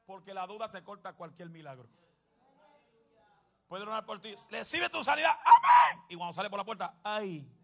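A man preaching a fiery sermon as pastor, shouting and speaking in tongues. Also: high-pitched, huge pitch swings, moderate pace, gravelly, pauses often.

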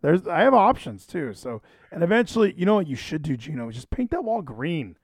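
A man's voice: fairly high pitch, big pitch swings, a little fast, breathy edge, no echo. A man hosting a podcast in casual, rambling chat, often interrupting and repeating himself. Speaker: podcast and livestream host. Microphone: handheld microphone.

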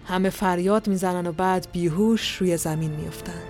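A woman narrating a dark fantasy story as a podcast storyteller, in a calm, steady, dramatic way. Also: fairly low pitch, soft background music.

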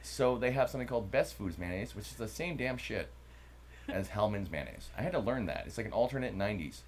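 A man's voice: fairly low pitch, expressive, quick pace, a little hiss or hum. Joking man with a mid-Atlantic accent. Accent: mid-Atlantic American with Midwestern bits. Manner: joking, rambling, slips into playful put-on accents. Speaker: podcast co-host. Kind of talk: casual chat.

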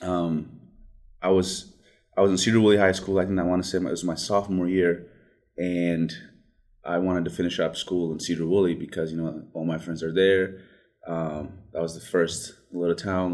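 A young man from Ethiopia, first language Amharic, with a very low, deep voice. He talks haltingly, with frequent restarts and fillers. It is a relaxed interview conversation. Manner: hesitant, many restarts and fillers. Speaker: guest.

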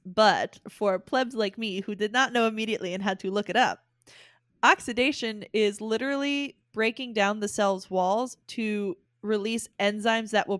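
A woman's voice: medium pitch, no room sound. Woman explaining stuff in a casual chat, dead dry mic, laughs a lot. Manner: explanatory, chatty, laughs easily. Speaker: podcast co-host.

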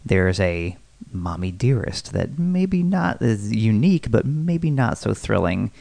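A man's voice: fairly low pitch, very animated, a little slow, vocal fry, dark tone, no echo. A man co-hosting a podcast, chatting casually about movies and rambling with lots of fillers and restarts. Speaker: podcast co-host.

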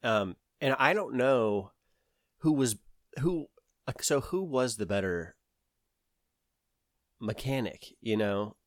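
A man's voice: medium pitch, expressive, slow pace, long pauses, dry recording, clean studio sound. A man from the American South with a Southern accent, telling a long story in casual conversation, rambling with many fillers and restarts.

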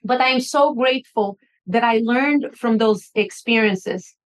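High-voiced Brazilian-accented woman author. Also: measured pace. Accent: Brazilian Portuguese. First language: Portuguese. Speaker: author and guest. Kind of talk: podcast interview.

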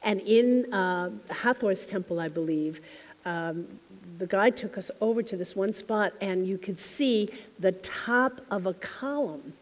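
Woman minister, heartfelt storytelling, mid-pitched voice, echoing hall. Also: unhurried. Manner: heartfelt, reflective storytelling with soft trailing phrases. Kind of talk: spiritual talk to a congregation. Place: temple hall.

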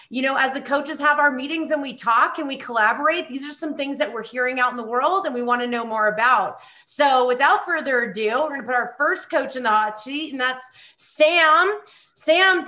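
A woman's voice: high voice, pushed and bright. A woman hosting a podcast, upbeat and enthusiastic as she introduces her guests and asks questions. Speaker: podcast host. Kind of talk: podcast interview.

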